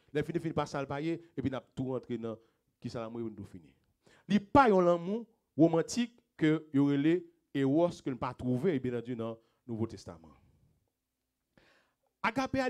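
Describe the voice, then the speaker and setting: A man with a Haitian accent preaching a sermon as pastor, swinging between loud emphatic phrases and quiet low asides, with repeated rhetorical questions to the congregation.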